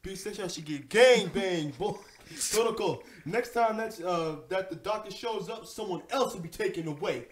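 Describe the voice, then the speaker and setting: A man voicing a swaggering, profane rabbit village boss from a video game, read over loud game music. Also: high-pitched, normal speed, reverberant, slight background noise, close to an everyday voice. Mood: taunting. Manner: drawling, taunting, profane.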